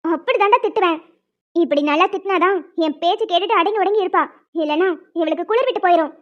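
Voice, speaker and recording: A woman's voice: extremely high pitch, fast. A woman voicing a harsh, bossy, middle-aged stepmother who scolds and threatens in a cartoon. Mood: scolding. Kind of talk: cartoon voice acting. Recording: dull lo-fi sound.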